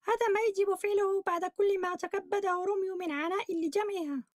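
A woman's voice: very high-pitched, steady tone, brisk, dry recording, studio quality. A woman voicing a smug, mischievous villain girl in a children's cartoon game, gloating and theatrical, with a dubbed delivery.

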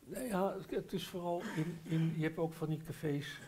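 An older man from the Netherlands with a Dutch accent, talking as a guest on a live bookshop stage. He tells an animated story on a headset mic, stopping to restart his sentences and hesitating often. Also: a little high, moderate pace. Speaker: guest author. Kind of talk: live literary café talk.

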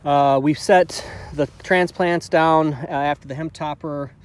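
A man farmer hosting a ride-along, walking through his field and explaining the work in a relaxed way, with many ums and restarts. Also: a little high, a little slow. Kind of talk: casual walkthrough narration. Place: outdoors in a farm field. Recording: loud outdoor ambience with vehicle noise.

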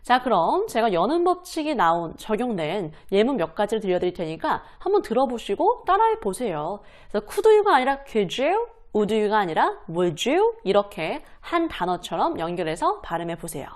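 A woman teaching English pronunciation to camera, demonstrating words slowly and repeating them, asking and answering her own questions. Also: mid-range voice, very animated. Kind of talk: explaining lesson to camera.

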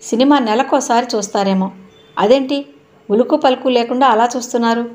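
A woman's voice: a little high, fairly quick, close to an everyday voice. Woman reading as a playful, witty young wife. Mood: teasing. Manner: playful, lively.

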